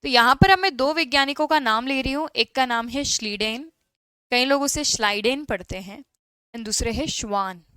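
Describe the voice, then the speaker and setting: A woman teaching an online class, explaining in Hindi, reading English questions slowly and answering students' chat questions by name. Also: high-pitched, bright, forceful tone, smooth, no echo. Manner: mixes Hindi explanation with slow English read-aloud questions.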